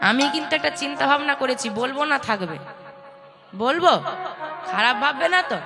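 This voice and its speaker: A woman's voice: sits high, expressive, brisk, vocal fry. A woman giving a playful devotional sermon to a seated audience, teasing listeners and calling them to chant along. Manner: playful, teasing the audience, calls for call-and-response. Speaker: kirtan preacher. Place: religious gathering before a seated audience. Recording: loud live music behind the voice. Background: devotional music.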